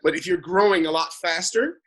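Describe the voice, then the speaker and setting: A man's voice: high-pitched, normal speed, husky. A man working as a financial advisor, explaining money matters in a casual conversation and often checking in with "right?". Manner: animated, talks in long explanatory runs with frequent "right?" tag questions.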